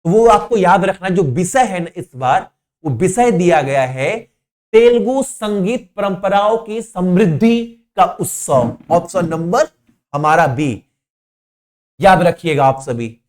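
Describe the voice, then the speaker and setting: A man's voice: high-pitched, lively intonation, takes it slowly, darkish tone. A man teaching a current affairs lesson for exam students, stressing and repeating key points and answering his own questions, with informal asides.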